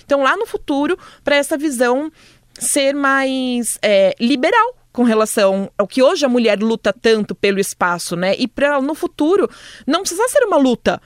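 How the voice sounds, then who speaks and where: A Brazilian Portuguese woman hosts the interview in a chatty, conversational way. She builds long, winding questions in a fairly high voice. The sound is dry, with little room. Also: animated, moderate pace, no echo.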